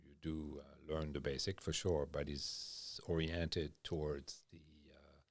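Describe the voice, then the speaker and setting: A middle-aged French culinary instructor with a French accent chats casually in an interview, his voice rumbling low and gravelly with a flat delivery. He takes it slowly and sounds hesitant, full of fillers and restarts. There's no room sound.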